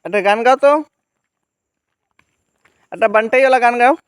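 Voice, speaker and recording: A young woman, a mother, chatting gently and coaxingly with her small child while filming on a walk outdoors. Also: a little high, moderate pace, clear, resonant tone, no room sound. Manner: gentle, coaxing, speaks softly to a toddler. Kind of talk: casual chat with a small child.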